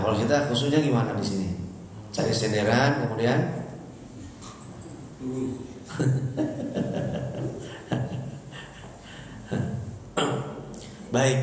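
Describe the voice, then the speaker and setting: Male preacher, lively and jokey, booming hall echo, faint background hum. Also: moderate pace, pauses often, far from the mic. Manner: lively, jokey, acts out little scenes and asks the audience questions. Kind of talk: sermon to a live congregation. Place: large echoey hall or mosque. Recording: very echoey hall, faint ambience.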